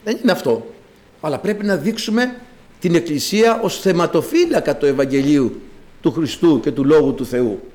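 Man, preacher, fervent sermon, high voice, rhetorical questions. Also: lively intonation, a little mellow.

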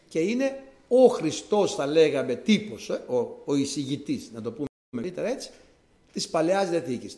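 A man's voice: a little high, warm tone, roomy sound. A man preaching a sermon to his congregation, explaining scripture conversationally and repeating key words for emphasis.

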